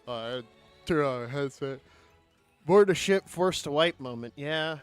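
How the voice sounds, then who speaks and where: Young male streamer, higher-pitched, crude and teasing banter over game music. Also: expressive, unhurried, smooth, no room sound. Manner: profane, teasing, talks to chat. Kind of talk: casual gaming chat with friends.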